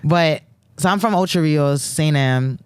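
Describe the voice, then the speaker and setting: A woman's voice: low voice, unhurried, smooth, no echo. A woman in her thirties with a Jamaican accent mixed with New York, blunt and casual, telling stories as a podcast co-host. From Jamaica and New Jersey. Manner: blunt, swears casually, storytelling. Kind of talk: casual chat.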